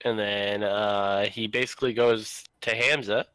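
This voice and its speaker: A man's voice: lowish voice, steady tone, bright, forceful tone, clean tone, dry recording. A man, a former reality show contestant, co-hosting a casual, profane chat about reality TV, with blunt, grumbling complaints. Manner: blunt, grumbling, quick asides.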